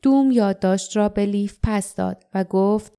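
A woman narrates an audiobook in a calm, steady reading. Her voice is mellow and dark in tone, at a middle pitch for a woman. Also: smooth. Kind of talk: scripted narration.

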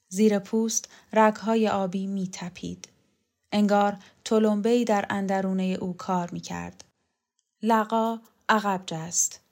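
A woman narrating a literary novel in a calm, measured reading voice. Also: mid-range voice. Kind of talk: scripted audiobook narration of a novel.

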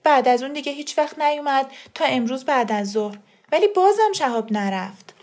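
A woman reader voicing an indignant, sharp-tongued mother who speaks emphatically. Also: high voice, lively intonation, voice pushed up.

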